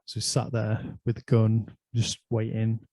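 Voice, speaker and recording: A man's voice: lowish voice, completely flat delivery, moderate pace, warm tone, no echo. An Irish man hosting a casual conversation, chatty and anecdotal, telling stories from his life. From Ireland. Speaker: host.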